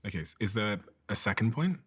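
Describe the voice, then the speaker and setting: Deep husky interviewer asking questions. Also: male voice, sing-song, a little fast, fairly bright tone. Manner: curious, asks short prompting questions. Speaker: interview host.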